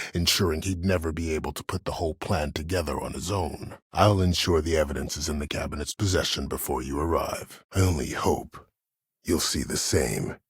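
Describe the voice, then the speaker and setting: This is dramatic video game voice acting of an older, calculating military mastermind with an extremely low, husky voice. He speaks formally, with measured, silky courtesy carrying quiet menace, in a heavily acted performance. The sound is dry and close, with no room sound.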